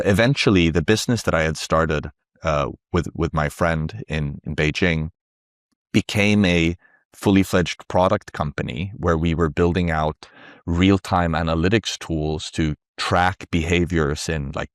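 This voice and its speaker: A rumbling low voice belongs to a middle-aged Swedish tech founder being interviewed. A native Swedish speaker, he explains matters in a reflective, conversational manner. The recording is dry and of studio quality.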